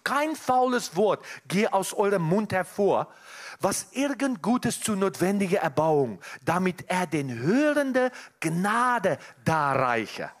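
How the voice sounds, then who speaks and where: This preacher speaks slowly in a high, sing-song voice during a church service. He talks earnestly to those gathered, addressing them directly, and keeps breaking off to begin his sentences again.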